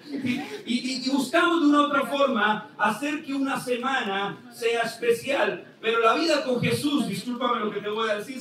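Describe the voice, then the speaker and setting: Pastor, jokey sermon, high-pitched, very echoey hall. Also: male voice. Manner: joking, animated preaching. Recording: echoey hall, distant mic, faint noise.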